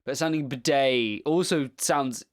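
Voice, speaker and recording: A man's voice: mid-range voice, lively intonation, normal speed. A young man co-hosting a podcast, chatting casually and animatedly, swearing and laughing often. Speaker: podcast co-host. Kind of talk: casual chat.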